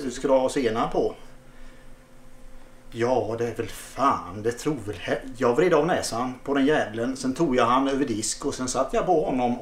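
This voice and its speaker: A man telling a crude, absurd comic story, stammering and hesitating often. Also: mid-range voice. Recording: echoey room.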